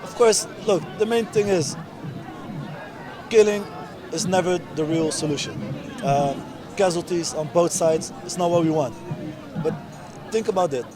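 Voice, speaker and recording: A Dutchman in his twenties speaks earnestly and emphatically at an outdoor street protest interview, using short insistent phrases. His slightly high voice is unhurried and pauses often; music plays in the background along with a loud crowd of protesters.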